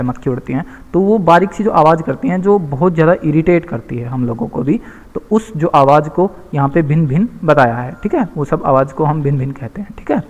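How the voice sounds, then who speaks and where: A male teacher walks young pupils through a children's story, patiently explaining difficult words and checking in with them often. His voice sits a little higher than most men's. A long hall reverb hangs on every phrase.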